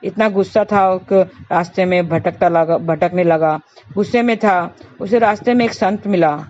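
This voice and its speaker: A woman's voice: on the low side, mellow, slight background noise. A woman telling a moral story in a preachy, repetitive way and addressing listeners as friends, in a slightly dull recording. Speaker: astrologer and storyteller.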